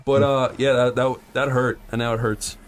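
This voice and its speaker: A man's voice: medium pitch, little pitch movement, moderate pace, a little hiss or hum. A young man from Ireland in casual chat, telling a loose, sweary story and laughing often.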